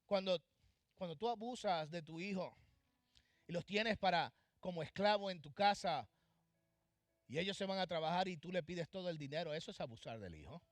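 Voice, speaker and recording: A man with a fairly high voice delivers an impassioned sermon, rising to loud, urgent exhortation and then dropping to hushed, pointed asides. His voice is dry and close, with little room sound. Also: lively intonation, moderate pace, no room sound. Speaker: pastor. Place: church.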